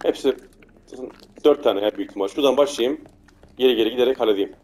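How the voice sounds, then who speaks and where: A man talks his way through a game in a casual, mumbling voice. His pitch sits in the ordinary middle range, and a faint noise floor runs under the recording. When danger hits, he gets rushed and loud. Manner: mutters to himself, turns frantic and shouty when chased. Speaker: gameplay commentator. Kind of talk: casual let's play commentary.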